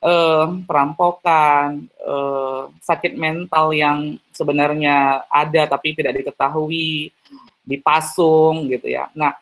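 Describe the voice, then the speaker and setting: A man's voice: fairly high pitch, little pitch movement, slow pace, a bit bright. A man giving an online seminar talk over a video call, chatty and full of tag fillers. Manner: chatty, heavy use of tag fillers, acts out little dialogues. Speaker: seminar speaker.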